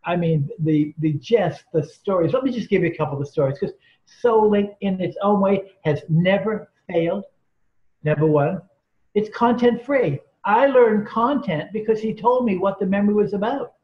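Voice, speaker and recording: A man's voice: sits high, normal speed. A man guest in an interview, telling earnest, emphatic stories and acting out the people in them. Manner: earnest, emphatic storyteller quoting others. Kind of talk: storytelling in an interview. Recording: roomy, dull lo-fi sound.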